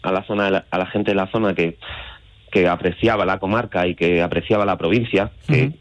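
Over a dull, lo-fi phone connection, a low-pitched man speaks a little fast. A Madrid native with a central Spanish accent, he's an astrotourism guide on an informal radio show, explaining things one step at a time.

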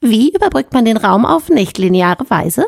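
Woman doing a cocky, brisk female chief engineer. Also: a little high, big pitch swings, creaky, darkish tone, no room sound, clean studio sound, voice pushed up, exaggerated voice. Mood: explaining. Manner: brisk, cocky, quick-witted. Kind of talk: audiobook character voice.

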